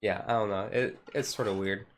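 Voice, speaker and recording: This streamer's voice is on the low side, with fairly even intonation and a slightly fast pace, and there is slight background noise. He chats casually on a relaxed ASMR chill stream, rambling and hedging with plenty of "like" and "and stuff."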